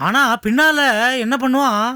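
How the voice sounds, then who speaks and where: A man's voice: very high voice, normal speed, sharp tone, dry recording. An actor playing a sly, scheming middle-aged man who mocks and taunts his rivals in a television serial. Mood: mocking. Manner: taunting, sneering, theatrical. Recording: television drama with background music.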